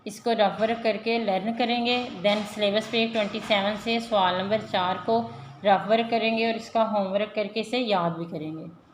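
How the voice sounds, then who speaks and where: A woman teacher, giving a recorded online lesson to young children and reading words slowly and deliberately. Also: mid-range voice, steady tone. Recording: echoey room, faint background hum.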